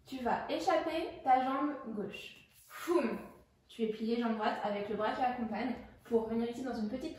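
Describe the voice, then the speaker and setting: A woman's voice: on the high side, a little mellow, a little hiss or hum. A young woman teaching dance choreography step by step, counting the moves out with sounds like "foum" and "poum.". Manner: sings along in English during the run-through. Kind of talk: dance tutorial instruction. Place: dance studio. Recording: echoey dance studio, mic far off.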